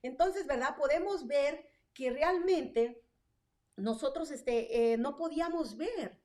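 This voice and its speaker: A woman preaching a streamed sermon with fervor, her voice sitting fairly high. She keeps asking rhetorical questions and checking in with her listeners as she goes. She sounds a little distant from the microphone. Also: slow pace, darkish tone. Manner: fervent, rhetorical questions, frequent tag "¿verdad?" and fillers. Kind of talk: online sermon. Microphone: online stream.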